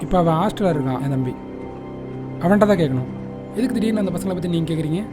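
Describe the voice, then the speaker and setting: A man playing a calm landlord who tells what happened before. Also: fairly high pitch, fast talker, lightly acted. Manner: calm storytelling. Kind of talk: short film acting. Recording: film soundtrack with very loud music. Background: film score.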